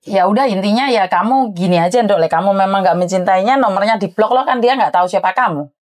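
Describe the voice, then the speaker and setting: A woman's voice: mid-range voice, quick pace. A woman hosting an advice show, giving frank, lecturing advice to a caller. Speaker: advice host. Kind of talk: advice chat.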